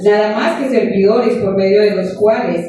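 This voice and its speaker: A woman's voice: mid-range voice, fairly even intonation, moderate pace, slight background noise. Echoey female preacher from afar. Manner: earnest, storytelling, addresses the congregation warmly as beloved. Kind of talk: sermon. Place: church. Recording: echoey room, far from the mic.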